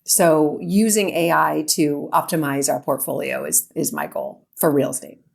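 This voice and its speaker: A woman's voice: sits low, fairly even intonation, moderate pace, gravelly, breathy edge. A middle-aged woman chatting casually as a podcast co-host. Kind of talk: casual chat. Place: remote, in an old stone cellar described as a cave.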